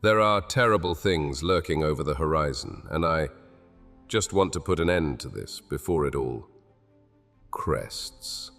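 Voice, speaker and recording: A man voices a proud, uneasy king in an ASMR audio drama, his deep voice slow and stately. A long hall echo and soft music sit behind him. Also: lively intonation, exaggerated voice. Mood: grave. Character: anxious proud human king cursed with gold.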